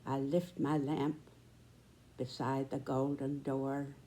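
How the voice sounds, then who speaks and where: Casting: American woman, 90s. Deep for a woman, unhurried and deliberate, pausing often, earnest commentary. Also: level tone, mellow, slight background noise. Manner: deliberate, measured, with pauses between short phrases. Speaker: speaker giving a personal commentary.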